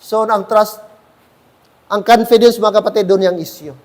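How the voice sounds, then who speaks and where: A man's voice: high-pitched, fairly even intonation, normal speed, big-room sound. A man with a Filipino accent preaching a sermon as pastor, switching between Tagalog and English and often calling out to the congregation. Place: church.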